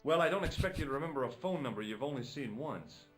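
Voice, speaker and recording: An actor playing a calm young male amateur detective in a video game, questioning a witness in a dry, level way. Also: medium pitch, fast, soft background music, lightly acted.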